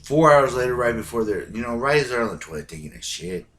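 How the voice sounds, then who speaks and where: A man's voice: mid-range voice, sing-song, quick pace, fairly bright tone. A man ranting bluntly to his viewers, swearing heavily and hammering his points with emphatic bursts. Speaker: vlogger. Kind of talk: profane ranting monologue.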